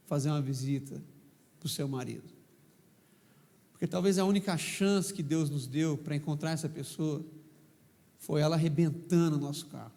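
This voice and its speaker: A man preaching as pastor, humorous and animated, telling stories and questioning the congregation, with a São Paulo accent. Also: on the high side, long reverb tail. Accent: São Paulo Brazilian Portuguese. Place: church hall.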